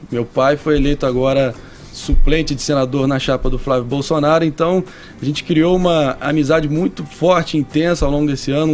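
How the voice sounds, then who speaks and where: A man's voice: a little high, darkish tone. A young man guesting on a radio studio interview, talking in an earnest, articulate way. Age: young adult. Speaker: guest impressionist. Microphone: studio radio mic.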